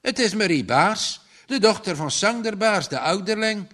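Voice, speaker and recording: A man's voice: high-pitched, animated, moderate pace, pushed and bright, pitched above the performer's own voice, exaggerated voice. A man reading aloud and voicing a cheerful, triumphant young man in love in a storybook. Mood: joyful.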